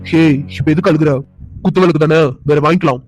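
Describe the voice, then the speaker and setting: A man plays a brash young cartoon guy who talks fast, with a slightly high voice. He teases and argues, and the sound is dry and close. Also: fairly even intonation, dry recording, faint music behind, natural voice, low-quality recording. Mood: soothing. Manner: brash and teasing.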